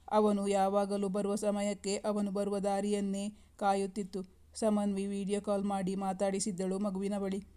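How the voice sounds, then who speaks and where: A woman narrates a heartfelt story in a calm, scripted way. Her voice is dark and mellow, with very little pitch movement. The reading moves along evenly from line to line. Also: clear, resonant tone. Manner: steady, even reading.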